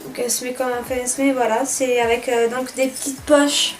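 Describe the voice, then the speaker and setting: A woman's voice: sits high, flat delivery, fairly quick. A young woman filming a casual spring beauty tag, talking hesitantly with many filler sounds. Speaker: beauty vlogger. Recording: music playing behind.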